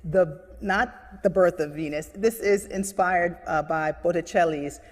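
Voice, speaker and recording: A woman's voice: on the low side, unhurried, long reverb tail. A woman from Cuba whose first language is Spanish, a guest artist in a casual interview who explains eagerly at length with many restarts.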